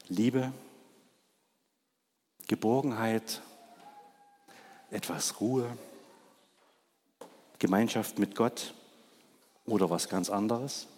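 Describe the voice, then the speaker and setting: A man in his thirties gives a Christmas sermon, speaking slowly and asking the congregation questions. His voice is husky, and it rings through a large church with long reverb. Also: mid-range voice, darkish tone. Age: 30s. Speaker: preacher.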